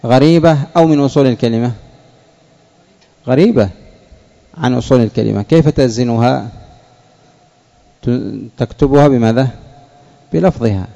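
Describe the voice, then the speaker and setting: A man teaching a classroom lesson, slow and deliberate, repeating key words and questioning his students. His voice is dark and gravelly. The recording is dull and lo-fi. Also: mid-range voice. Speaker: sheikh teaching Arabic morphology.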